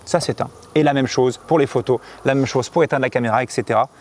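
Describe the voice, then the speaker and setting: Speaking quickly in a mid-range voice, a motorcycle vlogger walks viewers through a camera review. The demo is casual and lively, and he chats right at the audience using lots of slang.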